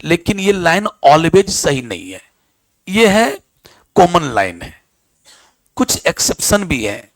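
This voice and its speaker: A man's voice: on the high side, sing-song, slow pace, pauses often, no room sound. A male teacher giving a classroom lecture, quizzing and scolding his students.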